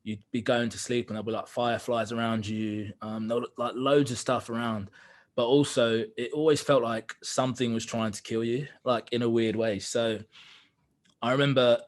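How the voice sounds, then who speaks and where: A man's voice: medium pitch, flat delivery, moderate pace. A young man telling a personal story as a podcast guest, candid and earnest, with frequent fillers. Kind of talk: reflective storytelling in conversation.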